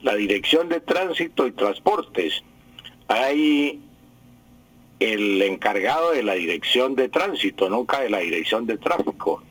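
A man's voice: on the low side, sing-song, measured pace, a bit bright, husky, poor audio. A man with a Colombian accent, a language expert on a radio news show, explaining word usage and stressing words over and over. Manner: didactic, repeats and stresses words.

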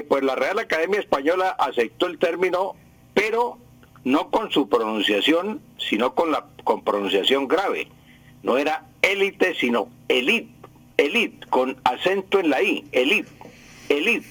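A man's voice: fairly high pitch, very animated, normal speed, husky, no echo, poor audio. An older man answers listeners' language questions on the radio, teaching patiently and repeating the key words. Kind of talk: radio call-in explanation.

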